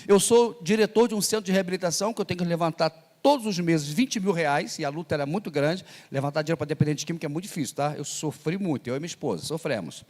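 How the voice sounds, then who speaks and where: An older Brazilian man preaching in a reverberant church hall, his sermon spilling out quickly in a hurried, animated rush. His voice sits a bit high for a man, and he keeps turning to banter with the congregation as he tells his story. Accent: Brazilian Portuguese. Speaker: missionary pastor.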